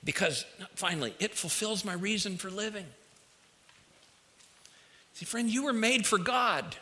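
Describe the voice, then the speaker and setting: A man preaches unhurriedly in a high-pitched, bright, pushed voice, addressing the congregation directly in a folksy, conversational style. The large hall gives the sound a long reverb, and wearing a dental retainer slightly alters his speech.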